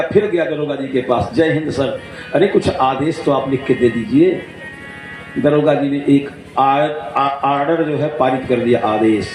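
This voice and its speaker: High-voiced preacher, echoey. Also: male voice, darkish tone. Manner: acts out dialogue in jokey anecdotes, chants verses slowly. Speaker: Bhagwat katha storyteller. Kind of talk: devotional sermon with storytelling. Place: large outdoor religious gathering. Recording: echoey PA sound with faint instrument music.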